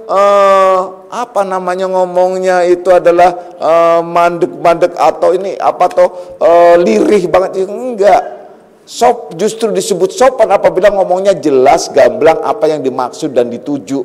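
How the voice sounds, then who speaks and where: Relaxed joking male preacher, higher voice. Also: a little slow. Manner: relaxed and joking, telling personal anecdotes. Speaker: Sufi spiritual teacher. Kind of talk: conversational religious lecture. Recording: long reverb of a hall.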